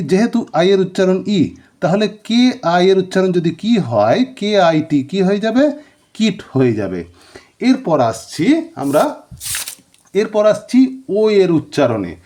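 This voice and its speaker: A man's voice: high voice, animated, normal speed, darkish tone. A man teaching a phonics lesson, asking questions and answering them himself. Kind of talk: classroom-style phonics lesson.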